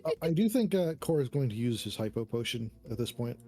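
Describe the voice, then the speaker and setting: A man's voice: mid-range voice, very animated, a little fast, mellow. A man playing a tabletop game, thinking aloud with hesitant fillers. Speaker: player. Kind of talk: casual game chat.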